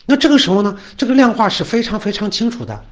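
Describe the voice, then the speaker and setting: A man's voice: high-pitched, sing-song, quick pace, lo-fi sound. A man speaking enthusiastically in a casual talk, often checking with the listener by asking "right?".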